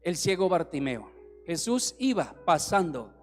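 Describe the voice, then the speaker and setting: A man preaching a sermon as a pastor. He acts out the figures he quotes and swings between strong calls and soft, hushed passages. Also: a little high, sing-song, a little slow. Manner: preaching with acted quotes, rising and dropping to soft tones. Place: church hall. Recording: reverberant hall with music.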